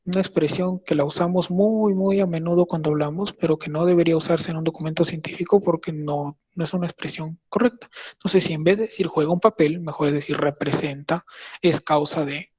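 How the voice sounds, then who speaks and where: Husky young man giving a lesson. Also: a little high, steady tone, fairly quick, a little mellow. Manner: explains patiently, checks in with listeners often. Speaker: medical intern presenting. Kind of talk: conversational lecture.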